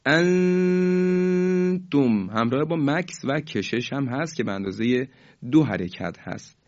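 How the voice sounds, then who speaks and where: A man teaching Quran recitation rules in a formal, polite way, explaining each rule and then chanting the examples slowly and drawn out for students to repeat. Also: mid-range voice, expressive. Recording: dull lo-fi recording.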